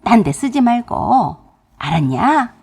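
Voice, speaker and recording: Woman doing a stingy, nagging mother-in-law for radio drama; loud, animated, sharp. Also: a little high, takes it slowly, vocal fry, slightly rough, full character voice. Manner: scolding, sharp-tongued, shouting.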